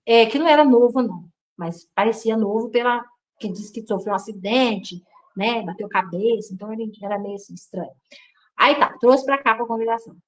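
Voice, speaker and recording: Animated woman telling her story, high voice. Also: brisk, low-quality recording. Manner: animated, acts out quoted dialogue. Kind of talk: casual storytelling.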